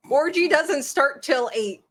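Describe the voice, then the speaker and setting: A woman's voice: sits high, animated, slow, fairly bright tone. A woman hosting a casual home podcast, chatting in a rambling, joking way. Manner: rambling, self-deprecating, joking. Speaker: podcast host. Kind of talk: casual chat. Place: home room. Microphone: camera mic.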